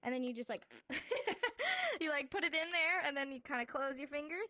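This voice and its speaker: A woman's voice: sits high, fast, pushed and bright, no room sound. An American woman teaching a casual sign language class, upbeat and encouraging, laughing often. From United States. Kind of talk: casual live class in a virtual world.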